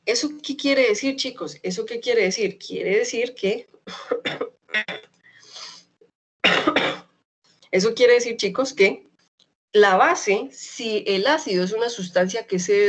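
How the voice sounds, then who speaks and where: A young adult woman with a Medellín Colombian accent gives an online chemistry lesson. She talks in a lively, chatty way and often checks that her students follow. When a key term comes up, she slows down and says it several times. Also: mid-range voice. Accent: Colombian Spanish, Medellín. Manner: spells out terms slowly and repeats them. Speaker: chemistry teacher. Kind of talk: online class lecture.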